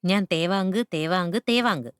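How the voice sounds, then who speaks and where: A woman's voice: medium pitch, a little slow, dry recording, clean studio sound, pitched above the performer's own voice, natural voice. A woman voicing a tearful, homesick young boy in a spoken storybook, in a plaintive raised voice. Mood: teasing.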